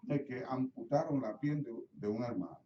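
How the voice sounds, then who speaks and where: A man's voice: mid-range voice, expressive, moderate pace, a little hiss or hum. A middle-aged man with a Puerto Rican accent preaching a sermon as pastor, telling stories and acting out his own prayers. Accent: Puerto Rican Spanish. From Puerto Rico. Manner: storytelling, acts out his own prayers, asks the congregation questions. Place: church sanctuary. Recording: roomy church sound from a distant mic, slightly dull.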